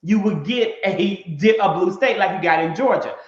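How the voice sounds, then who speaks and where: A man with a high voice co-hosts the talk in an emphatic, preacherly cadence. His voice sounds roomy, and the recording is dull and lo-fi. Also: moderate pace. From Mississippi. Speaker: podcast co-host. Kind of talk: casual discussion.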